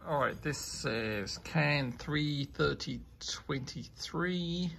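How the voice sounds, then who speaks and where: Male beer reviewer, deep-fried gravelly voice, unhurried casual chat, light hiss behind. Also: fairly bright tone. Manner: rambling, enthusiastic tasting remarks.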